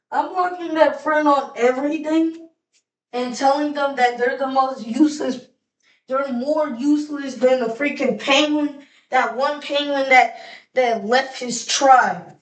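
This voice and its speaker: A woman with a high voice talks at an unhurried, slow pace. She rambles through casual reaction commentary like a video creator, using slang and drifting into mock-exasperated rants. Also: rough recording.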